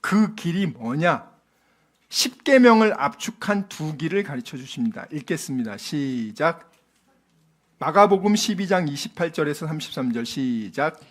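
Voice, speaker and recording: Animated high-voiced male pastor preaching. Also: moderate pace. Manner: animated, acts out voices of biblical figures, swings from loud to hushed. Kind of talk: sermon.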